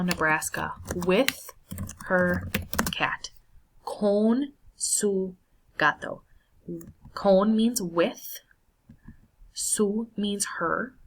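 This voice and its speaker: A woman's voice: fairly low pitch, low-quality recording. A woman teaching a Spanish lesson while walking through a screen, patiently checking in with her students as she goes. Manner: patient, checks in with "right?" and "all right". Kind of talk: screen-share lesson walkthrough.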